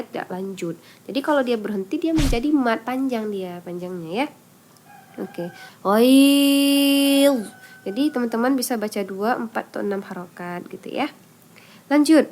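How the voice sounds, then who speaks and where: A woman teaching Quran recitation rules in an online lesson. She explains patiently, step by step, poses questions and answers them herself, and draws out example syllables slowly. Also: on the high side.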